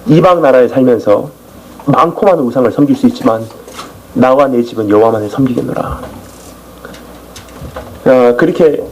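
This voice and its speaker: A man preaching a sermon in church as a missionary, telling his testimony in an animated storytelling way. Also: mid-range voice, normal speed, long pauses, slight background noise, poor audio.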